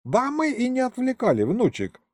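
A male reader voicing a folksy old village grandfather who dotes on his grandson, in a higher, slower voice. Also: huge pitch swings, a little mellow, no echo, exaggerated voice. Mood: doting. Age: older. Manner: folksy, calls him grandson.

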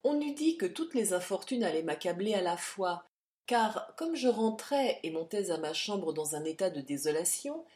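A woman reading a classic novel aloud in a measured narrative style. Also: on the low side, big pitch swings, a little mellow. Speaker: audiobook reader. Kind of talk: literary audiobook narration.

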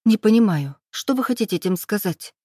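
Frightened young pregnant girl, tearful and defiant, dark-toned; woman narrator voicing her. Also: medium pitch, animated, fairly quick, husky, no room sound, clean studio sound, voice pushed up. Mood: pleading, tearful. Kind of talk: audiobook dialogue reading.

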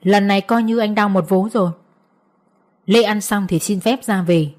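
Female audiobook narrator, mid-pitched, mellow and soft-edged, reading scripted fiction. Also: fairly even intonation, moderate pace.

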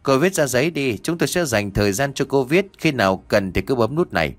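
A man's voice: medium pitch, expressive, brisk, no echo, lightly acted. A man voicing a stern uniformed officer who questions a prisoner in a formal, procedural tone.

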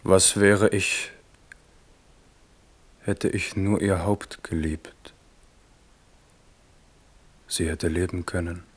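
In a German radio drama, an actor plays a grieving, remorseful French king. His low voice is steady and exaggerated, grave and measured with brooding weight, and the mood is bitter and resigned.

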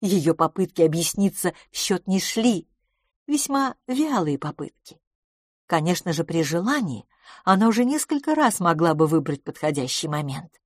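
A woman narrating an audiobook in a measured, expressive reading style. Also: fairly low pitch, no echo, clean studio sound. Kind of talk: scripted narration.

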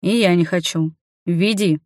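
A woman reading as a grim, hulking monster hunter from an audiobook, barking short orders in a lowered, clipped voice. The sound is dry and close, with no room around it. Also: unhurried, darkish tone, dry recording, close to an everyday voice. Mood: curt stern. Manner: curt, low commanding orders. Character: stern burly male monster hunter. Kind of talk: audiobook character voice.

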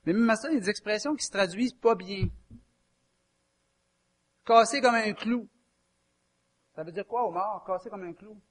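Folksy high-voiced Québécois preacher. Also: male voice, fast, hardly any pauses, darkish tone, breathy edge. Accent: Québécois French. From Quebec. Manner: folksy, chatty, quizzes the audience. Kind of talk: conversational sermon.

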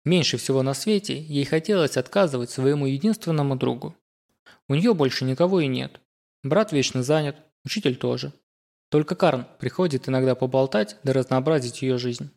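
Measured male audiobook narrator. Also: medium pitch, gravelly, a little mellow. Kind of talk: scripted narration.

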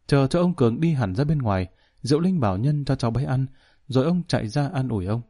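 A man narrating a novel as a storyteller, in a calm, measured way. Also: medium pitch. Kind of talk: audiobook narration.

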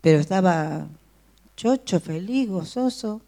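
A woman's voice: on the low side, expressive, slow pace, mellow. A woman teaching a Bible study to a group, often asking her listeners questions. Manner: asks the listeners frequent questions.

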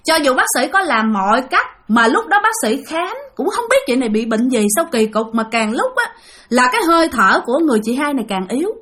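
High-voiced Southern Vietnamese woman storyteller. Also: sing-song, a little fast, fairly bright tone. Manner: rambling, heavy fillers, self-correcting. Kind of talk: casual spoken ghost story.

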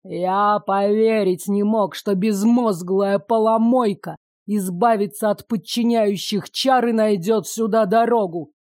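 A cruel, power-hungry sorcerer sneers in a slow, gloating drawl, as a woman narrator puts him on. The voice sits lower than her own and stays mellow. The audiobook recording is dry and close. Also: steady tone, no room sound, natural voice. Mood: mocking.

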